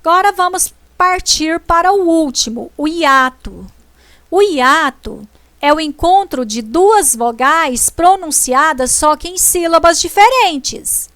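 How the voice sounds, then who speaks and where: Woman teacher, slow and careful, leans on each syllable, high voice. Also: expressive, a bit bright, no room sound. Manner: slow, deliberate, stressing syllables. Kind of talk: slow classroom explanation.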